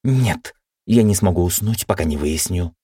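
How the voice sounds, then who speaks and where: A man's voice: sits low, animated, moderate pace, warm tone, slightly rough, no room sound, studio quality. A man voicing an anxious, tender young female mage who pleads emotionally in a raised voice. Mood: indignant.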